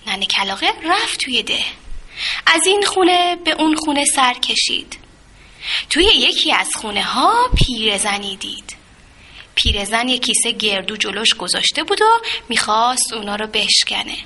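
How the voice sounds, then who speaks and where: A woman narrating a children's story in a gentle, expressive way. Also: fairly high pitch, slightly rough. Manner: gentle, expressive, with sound effects.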